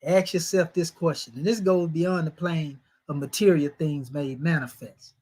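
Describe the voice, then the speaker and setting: A man's voice: on the high side, fairly even intonation, moderate pace, a little mellow. A man with a Southern US accent teaching scripture in a sermon style, asking rhetorical questions and pressing his points with rising and falling emphasis. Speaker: religious teacher.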